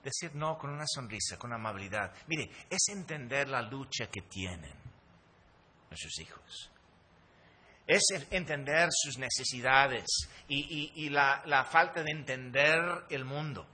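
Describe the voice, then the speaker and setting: Animated pastor preaching. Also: male voice, mid-range voice, normal speed, few pauses. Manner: animated, emphatic preaching with hesitations. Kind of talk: sermon.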